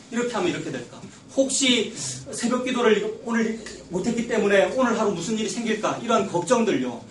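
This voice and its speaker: Brief: male pastor mid-sermon, fairly high voice, emphatic, heard from afar in a roomy church. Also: distant mic, slight background noise. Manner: emphatic preaching, rising loud when quoting Jesus. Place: church sanctuary. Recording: echoey church recorded from afar.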